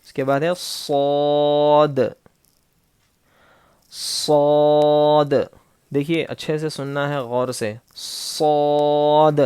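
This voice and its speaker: A man teaching Quran recitation in an online lesson. He holds each letter sound slowly and patiently, then explains it in quick asides. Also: fairly high pitch, little pitch movement, a little mellow, clean tone, no echo. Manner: patient, instructive. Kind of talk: online Noorani Qaida lesson.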